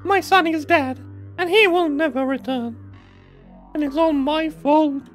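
A man putting on a high, grieving mother's voice. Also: a little slow, fairly bright tone, soft background music. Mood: mournful. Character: grieving guilt-ridden mother, dramatic and tearful. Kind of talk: melodramatic voice acting over a game.

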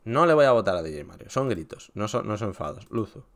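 Lively young man. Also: on the low side, quick pace. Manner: casual, swearing, restarts often. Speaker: streamer voting in awards. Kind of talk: casual reaction commentary.

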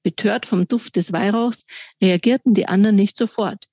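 A woman author reading aloud from her children's book in calm, measured storytelling. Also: mid-range voice, husky, no echo. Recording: dry, slightly dull recording.

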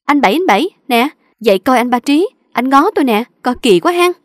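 A woman voicing a young female workshop hand from the south who cries out loudly in shock and teasing. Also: high-pitched, animated, quick pace, no room sound, studio quality, pitched above the performer's own voice. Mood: startled teasing. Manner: loud startled exclaiming.

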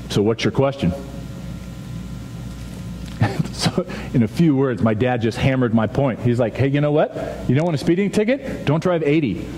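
A man in his thirties giving an animated chapel talk to students on a stage, telling stories and acting out quoted voices. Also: fairly high pitch. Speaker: youth chapel speaker. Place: large dark auditorium with stage. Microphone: stage microphone, seen from far back. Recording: reverberant hall, faint audience noise.

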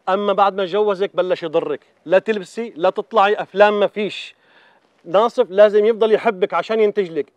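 An actor playing a smooth-talking pop manager. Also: male voice, high-pitched, dry recording, natural voice. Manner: calm, persuasive, pragmatic. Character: talent manager reasoning with a singer.

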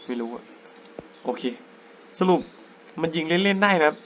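A young man giving casual, excitable commentary while playing a hunting game, breaking into sudden jumpy exclamations. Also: a little high, moderate pace, highs cut off, slight background noise. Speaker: gaming YouTuber. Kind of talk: casual let's-play commentary.

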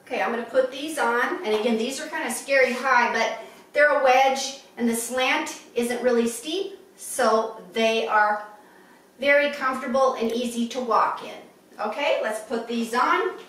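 A woman's voice: a little high, a little slow, a bit bright. A woman in her fifties, a fashion vlogger chatting in an upbeat, casual way in her living room, recorded from across the room. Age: 50s. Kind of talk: casual show-and-tell. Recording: echoey room from far off.

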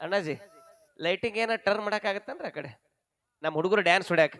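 A man with a North Karnataka accent announcing at a live stage event, briskly directing the crowd and lights. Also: sits high, fairly bright tone. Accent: North Karnataka Kannada. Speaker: stage emcee.

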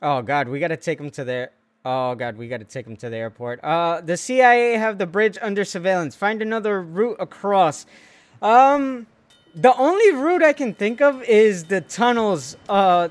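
Excitable swearing man playing a game. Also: high voice, normal speed, no echo. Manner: excitable, panicky, swears a lot. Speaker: gaming video host. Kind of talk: let's play commentary.

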